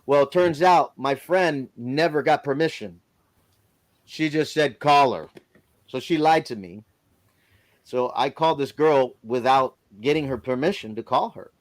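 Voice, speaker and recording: A man's voice: mid-range voice, a little slow. A man casually telling a personal story on a live stream, in plain informal speech. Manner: lively storyteller who acts out others' lines.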